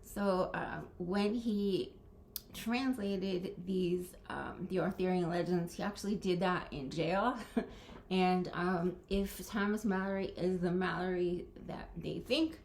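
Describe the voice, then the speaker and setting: A woman's voice: on the low side, fairly even intonation, slow pace, creaky, darkish tone, slight background noise. A woman giving an informal spoken lesson to camera, hesitant, with many fillers and restarts. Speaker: presenter.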